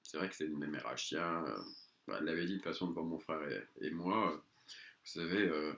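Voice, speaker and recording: A middle-aged man telling a comic story about his mother, lively and often laughing as he talks. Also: extremely low pitch, fast. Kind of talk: comic anecdote told to a listener. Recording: echoey room.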